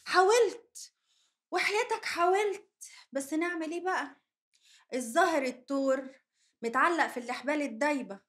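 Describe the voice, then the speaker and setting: A woman's voice: sits high, brisk, pauses often, a bit bright. An actress playing a teasing, quarrelsome young Egyptian woman in a TV drama. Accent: Egyptian Arabic. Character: sharp-tongued young woman teasing her cousin.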